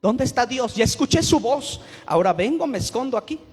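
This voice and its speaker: A male pastor delivering a sermon, breaking into sudden shouts for emphasis. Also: very high voice, expressive, brisk, slightly rough, big-room sound.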